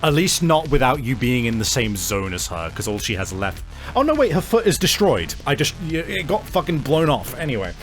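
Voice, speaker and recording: A man's voice: mid-range voice, sing-song, fairly quick, faint music behind. A man running a tabletop game as game master, talking casually with frequent swearing and fillers.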